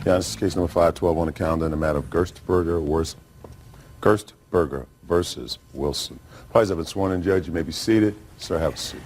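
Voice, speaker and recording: A man's voice: low voice, fairly quick, darkish tone. A man making formal courtroom announcements as a bailiff.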